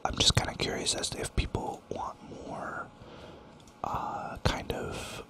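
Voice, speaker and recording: A gaming channel host whispers ASMR commentary close to the mic while playing a strategy game. He rambles and thinks aloud, toying with repeated words in a soft, unhurried way.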